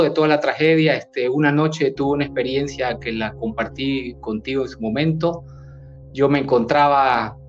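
A man's voice: a little high, dull audio. Earnest Bolivian doctor telling his story. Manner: earnest, hesitant, repeats and restarts words. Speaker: doctor, interview guest. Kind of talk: recounting a personal experience.

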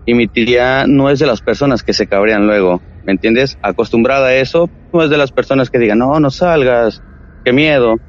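A man telling a true ghost story from his family, in a casual, animated way, acting out what his relatives said. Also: mid-range voice, a little fast, hardly any pauses, lo-fi sound. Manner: animated retelling with quoted voices.

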